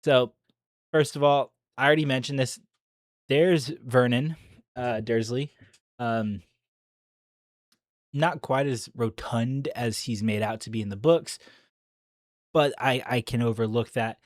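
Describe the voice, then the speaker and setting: Excitable man reacting to a trailer. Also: mid-range voice, measured pace, pauses often, dry recording, studio quality. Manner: chatty and excitable, frequent ums. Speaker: online video creator. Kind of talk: casual reaction commentary.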